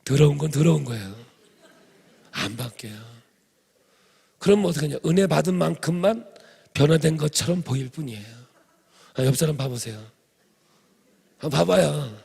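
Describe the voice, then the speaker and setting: A man from preaches a revival sermon, his voice rough and gravelly with a husky edge. He sits a little high for a man and keeps turning to the congregation with jokes and asides. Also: lively intonation, moderate pace, pauses often, a little mellow. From Chungcheong Province, Korea. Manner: humorous, addresses congregation directly. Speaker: pastor.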